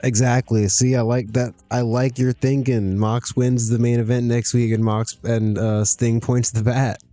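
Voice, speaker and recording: A man's voice: medium pitch, level tone, measured pace, warm tone, dry recording, faint music behind. Laid-back man chatting over a game. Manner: chatty, laughs often, talks to himself. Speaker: streamer playing a wrestling management game. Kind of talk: casual gameplay commentary.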